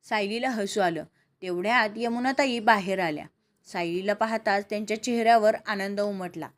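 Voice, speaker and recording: A woman narrating a family story in a calm, steady scripted reading. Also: medium pitch, moderate pace.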